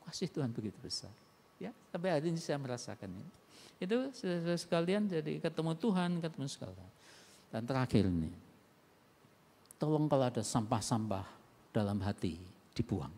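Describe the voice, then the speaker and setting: A man preaching a sermon as pastor, animated and acting out voices, with sharp swings in loudness. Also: medium pitch, fairly quick, vocal fry, pauses often. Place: church sanctuary. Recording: long church hall reverb.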